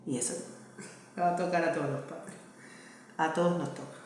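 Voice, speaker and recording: Speaking a little fast in a steady, low, darkish voice, a Cuban woman in her thirties vlogs to camera as a mother, earnest yet casual in her Cuban Spanish. She keeps checking in with "¿me entiendes?", and the recording carries heavy echo and faint noise.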